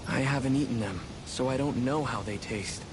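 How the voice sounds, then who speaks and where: A man voicing a docile, simple townsman in a video game, answering blankly and literally, slow to respond. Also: natural voice. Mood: dazed, blank. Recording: loud rumbling noise behind.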